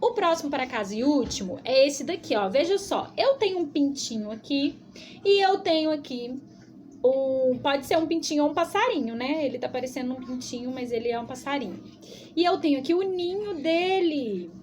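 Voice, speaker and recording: A high-pitched woman with a Brazilian Portuguese accent teaches small children in a recorded video lesson. She talks slowly and patiently, stretching syllables in a sing-song way. A faint hiss sits under her voice. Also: expressive, darkish tone. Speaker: preschool teacher.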